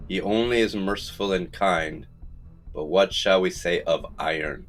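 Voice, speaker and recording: A man's voice: sits low, measured pace, faint music behind. A man voicing an old greybeard father, a wise healer who commands and preaches solemnly, in a storybook reading. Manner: commanding, incantatory.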